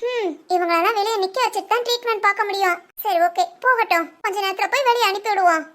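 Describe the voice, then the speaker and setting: A woman's voice: extremely high pitch, fast talker, fairly bright tone, voice pushed down. A woman voicing a middle-aged nurse in a cartoon, muttering and grumbling to herself.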